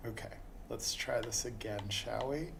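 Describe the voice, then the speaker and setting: A man's voice: mid-range voice, unhurried, vocal fry. Casual male gamer, slightly noisy background. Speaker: video game streamer. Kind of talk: casual game playthrough commentary. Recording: faint background noise.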